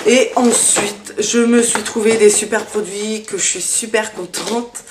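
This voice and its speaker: Woman, casual haul vlog, hesitant fillers, middle pitch, echoey room. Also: fairly even intonation, a little slow, noisy background. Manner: chatty, hesitant with many fillers. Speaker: beauty vlogger.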